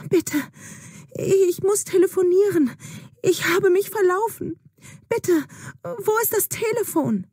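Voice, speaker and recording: A woman voicing a frightened young woman in a storybook, begging urgently in a high voice. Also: animated, takes it slowly, a little mellow, no room sound, studio quality, exaggerated voice. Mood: pleading.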